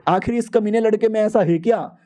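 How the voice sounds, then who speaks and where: A man's voice: high voice, fairly quick, mellow, lightly acted. A man voicing an arrogant, jealous rich young man who whines and bosses people around. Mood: indignant. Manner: whiny and bossy.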